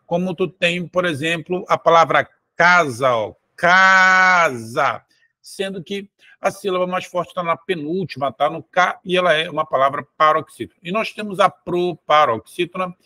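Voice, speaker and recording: A man's voice: a little high, sharp tone, no room sound, studio quality. A man teaching Portuguese for an exam, explaining step by step and drawing words out syllable by syllable. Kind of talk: exam-prep lesson.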